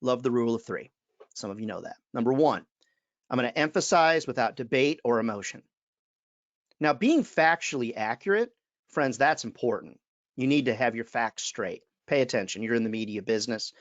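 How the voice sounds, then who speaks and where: A man's voice: medium pitch, lively intonation, moderate pace, dry recording. A man, giving an emphatic webinar talk as a sales trainer and calling his listeners friends. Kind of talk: webinar presentation.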